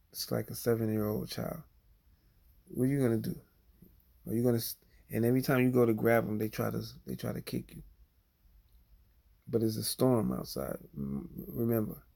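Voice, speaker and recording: Gravelly man ranting on a livestream. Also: medium pitch, level tone, moderate pace, long pauses, mellow. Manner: rambling, blunt, full of "you know" and "okay?". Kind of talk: casual livestream monologue.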